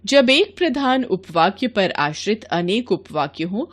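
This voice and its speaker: A woman reading a Hindi grammar textbook chapter aloud in a measured, pausing way, as a scripted lesson. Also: mid-range voice, big pitch swings. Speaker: textbook reader.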